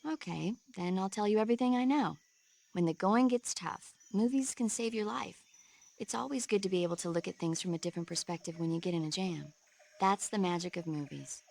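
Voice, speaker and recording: An actress playing a friendly, chatty support medic who explains things eagerly in a video game. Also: female voice, fairly low pitch, brisk, creaky, darkish tone. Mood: cheerful, encouraging. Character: friendly, eager female radio support medic, movie buff.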